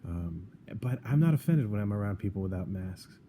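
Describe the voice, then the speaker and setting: A man with a low, mellow, dark voice holds forth in casual podcast talk. He argues his points with sarcasm and often stumbles and restarts mid-sentence. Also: expressive, a little fast, a little hiss or hum. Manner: sarcastic, argumentative, frequent restarts. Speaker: podcast co-host. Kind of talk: opinionated casual chat.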